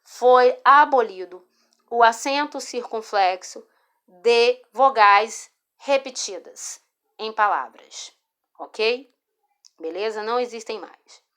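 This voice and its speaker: Over a screen recording captured with a phone or screen recorder mic, a Brazilian teacher patiently walks students through a spelling lesson. She has a Brazilian Portuguese accent and a fairly high, clear, resonant voice that is a bit bright. She goes slowly, repeats words and keeps checking in with "tá?".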